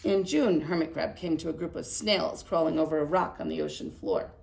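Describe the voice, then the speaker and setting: A woman who teaches preschool reads a storybook aloud with lots of expression, adding small explanatory asides for young children. Her voice is low, brisk and gravelly.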